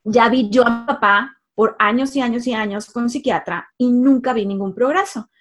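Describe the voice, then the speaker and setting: Woman, life coach, casual storytelling, emphatic repetition, lots of fillers, fairly high voice. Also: normal speed, a bit bright.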